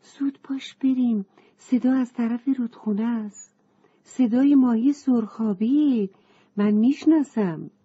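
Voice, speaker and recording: A woman's voice: on the high side, dark tone, husky, highs cut off, pitched above the performer's own voice. A woman voicing a kind, eager young hero in a children's storybook. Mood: urgent.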